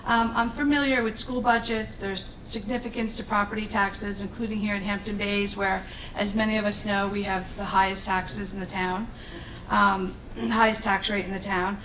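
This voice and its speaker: A woman with a Long Island accent speaks composed and matter-of-fact, her voice at an ordinary middle pitch. She is set back from the mic, and a faint low rumble hangs behind her. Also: steady tone, moderate pace, a bit bright, recorded from a distance, poor audio. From eastern Long Island. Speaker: town board candidate, teaching assistant. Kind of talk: opening statement at a debate.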